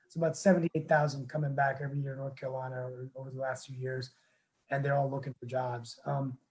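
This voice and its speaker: Hosting a casual video-call webinar, this man, a town council member, talks fast in a medium-pitched, slightly mellow voice with flat delivery. He's earnest yet rambling, full of fillers and restarts, on a rough recording.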